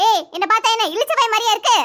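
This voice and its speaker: A haughty rich madam in a cartoon, voiced by a woman, curt and scolding with a Tirunelveli Tamil accent. Her voice is pitched very high. Steady noise sits under the track. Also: rapid-fire.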